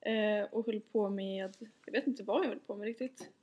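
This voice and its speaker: A woman's voice: medium pitch, fairly even intonation, mellow, highs cut off. A young woman, co-hosting a casual podcast chat in a teasing, rambling, giggly way. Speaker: podcast co-host.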